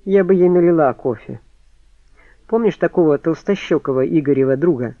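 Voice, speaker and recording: A man voicing a brisk, sarcastic young widow in an audiobook, raised pitch and mocking retorts. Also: no echo, muffled recording, natural voice.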